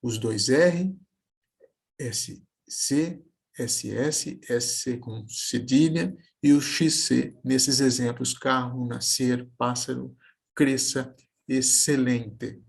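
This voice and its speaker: A man teaching a video lesson, slowly sounding out example words syllable by syllable. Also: mid-range voice, fairly even intonation, gravelly, breathy edge. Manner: slow, careful, spelling words out syllable by syllable.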